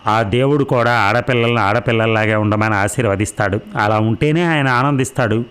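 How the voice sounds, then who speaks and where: A man's voice: on the low side, a little fast, a bit bright, clean tone, lightly acted. A man voicing a patient, reasoning father. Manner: patient, persuasive. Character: calm older husband and father, reasoning.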